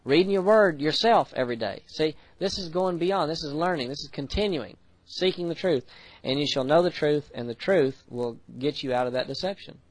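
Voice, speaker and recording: An American man preaches with earnest conviction. He slows down for scripture and rushes through quick personal asides. His voice sits on the higher side and sounds close and dry, with no room echo. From United States. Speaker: pastor. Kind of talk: sermon.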